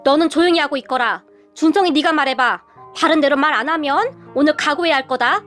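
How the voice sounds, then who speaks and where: A woman voicing a stern, quick-tempered older father-in-law in a spoken story. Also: sits high, a bit bright, faint music behind. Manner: stern, firm.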